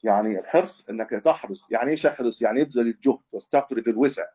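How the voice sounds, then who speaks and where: Fast-talking sheikh, dull lo-fi recording. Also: male voice, medium pitch, mellow, slightly rough. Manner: explanatory, repeats and restates points, self-corrects. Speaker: Islamic scholar teaching hadith. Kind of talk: religious lesson commentary.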